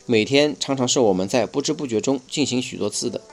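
A man's voice: medium pitch, quick pace, soft background music. Man reading a nonfiction book aloud. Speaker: audiobook reader. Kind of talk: first-person nonfiction reading.

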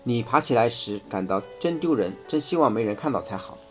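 A man reading a first-person nonfiction book aloud in a measured, explanatory way. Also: medium pitch, expressive, soft background music. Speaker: audiobook reader.

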